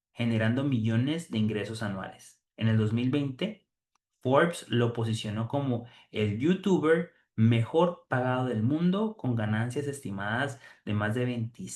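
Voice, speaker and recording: Male host, motivational speaker, preachy and emphatic, mid-pitched, roomy echo. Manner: emphatic, preachy, with frequent fillers and restarts. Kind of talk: motivational talk to viewers.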